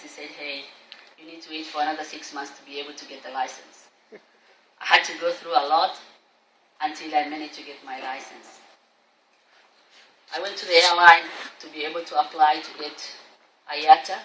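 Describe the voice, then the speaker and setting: A roomy, slightly noisy recording, a little far from the mic, carries a woman's public speech. She has a Tanzanian accent and a bright, forceful voice as she tells her own story to a conference. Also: low-pitched. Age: middle-aged. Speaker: conference speaker, tour company owner. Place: conference hall at a trade show. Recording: echoey room, distant, faint noise.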